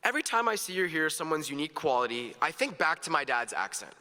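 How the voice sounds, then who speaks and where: High-school guy giving graduation speech. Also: sing-song, fast, bright, forceful tone. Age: teens. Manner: earnest, upbeat, with jokes. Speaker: graduation speaker. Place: large hall. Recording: echoey hall, long reverb.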